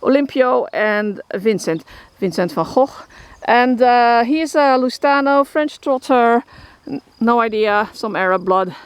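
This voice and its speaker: Speaking unhurriedly in a clean, somewhat high voice, a horse shelter keeper from the Netherlands chats about her horses with a Dutch accent. The casual vlog walkthrough is set in a rural field, and though the recording is dry, outdoor noise and crickets come through behind her. She rambles, with plenty of fillers and restarts.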